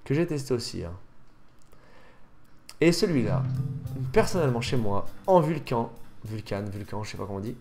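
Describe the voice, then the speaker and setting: A man's voice: mid-range voice, sing-song, brisk, gravelly, pauses often, a little mellow, soft background music. A man chatting casually over gameplay, rambling and often correcting himself mid-sentence. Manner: rambling, self-correcting, fillers. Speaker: gaming youtuber.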